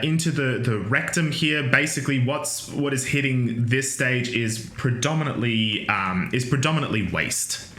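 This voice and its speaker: Speaking at a medium pitch, a man who lectures at an Australian university talks through anatomy with a bright, forward quality. Fillers, restarts, and humorous asides run through his casual speech, and the sound echoes as if in a big hall.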